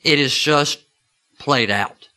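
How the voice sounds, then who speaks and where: Bright-voiced preacher telling a story. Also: male voice, mid-range voice, slow. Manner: chatty, asks the listeners questions. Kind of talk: storytelling sermon.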